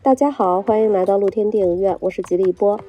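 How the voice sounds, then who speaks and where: A woman narrating a film recap in a brisk storytelling delivery, reading a script. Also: medium pitch, highs cut off, soft background music.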